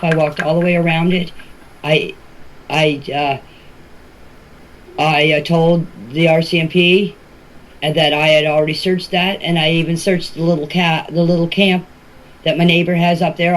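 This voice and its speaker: An older woman with a Canadian Maritime accent, a family member talking about a case, answers questions informally in a low, level voice at normal speed, often repeating and rephrasing herself. The noisy amateur clip has clicks.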